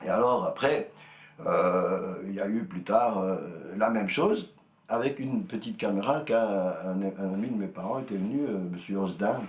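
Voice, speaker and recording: An older man with a Walloon Belgian accent and a gravelly voice, telling stories in an interview and acting out old conversations. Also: fairly low pitch, moderate pace. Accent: Walloon Belgian French. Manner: animated anecdotal storyteller, acts out dialogue. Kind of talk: storytelling interview. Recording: roomy echo.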